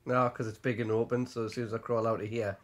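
A man's voice: medium pitch, flat delivery, fast. A man in casual, joking, sweary banter while playing a game with friends. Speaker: player in a game chat. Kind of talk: casual gaming chat.

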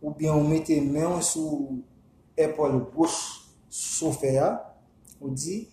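A man with a Haitian accent and a mellow, slightly high voice talks through spoken instructions in a halting, repetitive way. He drawls out chanted names slowly. The recording sits in an echoey room with a faint hum behind him. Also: steady tone. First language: Haitian Creole. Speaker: vodou practitioner.

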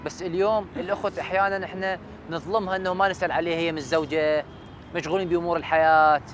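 A man's voice: a little high, level tone, rapid-fire, noisy background. A man in his thirties with an Iraqi Arabic accent, interviewing conversationally in a deferential way. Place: outdoors at night in a city park. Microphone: lapel mic.

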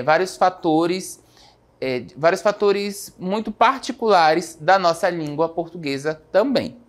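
A woman teacher giving a televised school lesson, explaining step by step and often checking in with the students. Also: lowish voice. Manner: explanatory, frequent checking tags like "né?" and "tá?".

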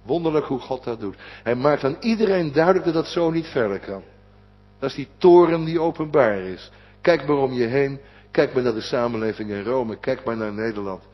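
A pastor, a man, preaching a sermon, swinging from loud urging to a hushed whisper. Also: mid-range voice, normal speed. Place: church. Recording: dull lo-fi recording with long church reverb.

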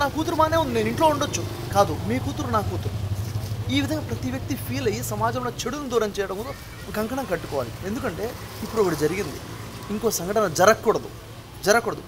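Man, motivational speaker, high voice, rapid-fire, preachy, noisy background. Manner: preachy, rhetorical questions. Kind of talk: earnest motivational talk.

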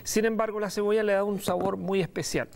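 A middle-aged man presenting a recipe on a studio kitchen set, relaxed and pausing often with fillers. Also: high voice, gravelly. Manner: relaxed, hesitant with many fillers. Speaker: cooking show host. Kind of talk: cooking demonstration.

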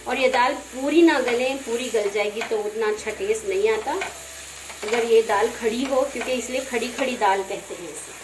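A home cook with a fairly high voice talks through cooking steps at normal speed as a voice-over for a demonstration in her home kitchen. Her manner is gentle, instructive and conversational. The kitchen sounds roomy, with a frying pan sizzling in the background.

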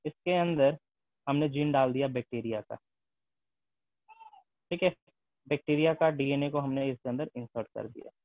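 A male teacher lectures to a class at normal speed with long pauses, sprinkling English terms into his speech and checking in with tag questions. His voice is medium-pitched, and the recording has no echo but sounds tinny, like a phone.

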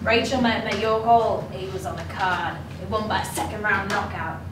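A woman's voice: mid-range voice, steady tone, moderate pace, lightly acted. A woman playing a menacing, impatient male gangster in a stage farce, speaking in an emphatic, confrontational way. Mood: confiding. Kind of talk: theatrical stage farce acting. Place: small theatre stage with audience. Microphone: far camera. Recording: echoey noisy theatre, distant camera mic.

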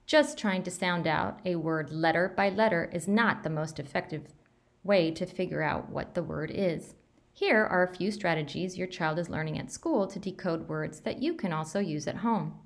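Woman, lowish pitch, gravelly fry, deliberate instructional delivery, scripted explainer narration, school principal.

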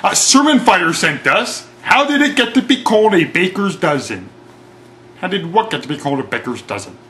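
Man doing a high, goofy dim-witted sidekick. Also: big pitch swings, moderate pace, a bit bright. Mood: clueless. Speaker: co-host. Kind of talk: comedy sketch acting.

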